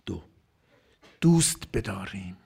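A man preaching a sermon, moving from loud, emphatic phrases to near-whispers. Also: low voice, lively intonation, creaky, breathy edge. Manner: dramatic swings from loud to whispered.

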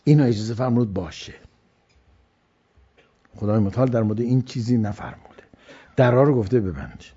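A man's voice: mid-range voice, mellow, slightly rough, muffled recording. A man preaching a religious lecture, telling stories and repeating phrases for stress. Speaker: cleric.

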